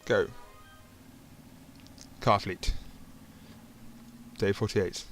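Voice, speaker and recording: A man's voice: fairly low pitch, fairly even intonation, drawn-out words, a bit bright, faint music behind. A man reading a narrative game's text aloud, stumbling over words and adding dry asides of his own. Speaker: gaming channel host.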